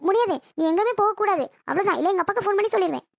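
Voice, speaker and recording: A voice actor doing a bossy sharp-tongued bride. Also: very high-pitched, animated, very fast, gravelly, no room sound, clean studio sound, heavily acted. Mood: scornful. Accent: Tirunelveli Tamil. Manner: taunting, bossy. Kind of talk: cartoon voice acting.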